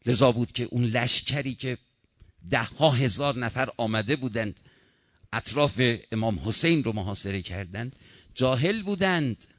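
A male preacher delivers a sermon with mounting passion, climbing into ringing appeals and dropping low for solemn passages. His tone is bright and forceful. The sound is dry and close, with no room echo. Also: expressive. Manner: impassioned, rising and falling in pitch.

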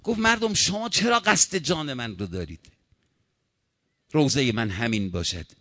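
A male preacher delivers a sermon with mounting passion, climbing into ringing appeals and dropping low for solemn passages. His tone is bright and forceful. The sound is dry and close, with no room echo. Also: animated. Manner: impassioned, rising and falling in pitch.

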